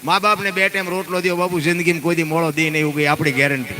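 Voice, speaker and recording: A man's voice: on the high side, racing. A man, telling folk stories and giving emphatic, preacher-like moral talk. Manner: lively, emphatic, preacherly, acts out quoted people. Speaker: dayro folk storyteller. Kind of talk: folk storytelling and moral talk before an audience.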